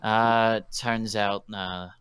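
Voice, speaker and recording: A man's voice: lowish voice, flat delivery, drawn-out words, a bit bright, clean tone, no room sound, studio quality. A man narrating as game master of a tabletop game, rambling with many fillers and restarts.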